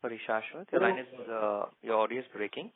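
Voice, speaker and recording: A man's voice: lowish voice, fairly even intonation, brisk, slight background noise. A man acting as operator on a conference call, making formal, scripted announcements over a phone line. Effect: phone-line audio of a conference call.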